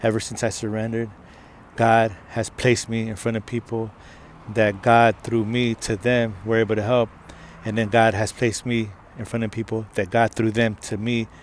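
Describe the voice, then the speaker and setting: Pria yang bercerita dengan bersemangat, di luar ruangan. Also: male voice, on the low side, moderate pace, slight background noise. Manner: animated, acts out dialogue, frequent "right?". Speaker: motivational vlogger. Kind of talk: casual storytelling monologue. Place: outdoors in the city. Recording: outdoor recording.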